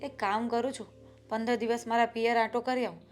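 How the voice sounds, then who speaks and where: An actress playing a patient, worried wife and elder sister-in-law who reasons calmly about family troubles. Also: female voice, fairly high pitch, fairly quick, soft background music, lightly acted. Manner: calm, reasoning, then pushing back. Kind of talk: family drama acting.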